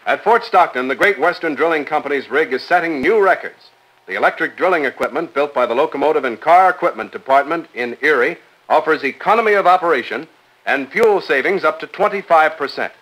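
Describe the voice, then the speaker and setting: A man co-announcing a 1950s company newsreel, reading news items in a brisk, upbeat announcing manner. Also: on the high side, bright, forceful tone, rough recording.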